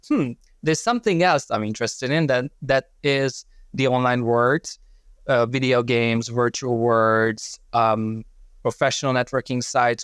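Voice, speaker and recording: A man's voice: medium pitch, fairly bright tone, smooth, no room sound, studio quality. A man from Hungary, a lecturer, answering interview questions thoughtfully with many fillers over a remote call. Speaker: lecturer and guest. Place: joining virtually from home.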